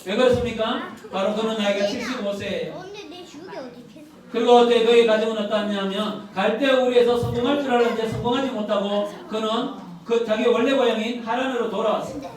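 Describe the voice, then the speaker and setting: A man's voice: very high-pitched, fairly quick. A man in his fifties preaching a church sermon, earnest, often putting rhetorical questions to the congregation. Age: 50s. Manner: filler "어때" often. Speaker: pastor. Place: church sanctuary. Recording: very echoey, from a distance.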